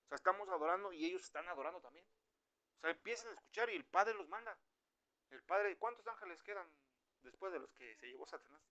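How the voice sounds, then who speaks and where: Mexican guy preaching, chatty and animated, kinda high bright voice, muffled lo-fi sound. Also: quick pace, gravelly. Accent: Mexican Spanish. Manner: conversational and animated, acting out quoted speech. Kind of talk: informal sermon.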